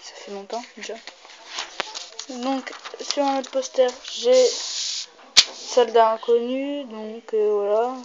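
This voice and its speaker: A young woman hosts a casual home vlog in an unhurried, slightly high voice, hesitating with fillers and swearing freely. The recording is dull and lo-fi, with clear background noise. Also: fairly even intonation. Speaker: video host. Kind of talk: casual vlog showing posters.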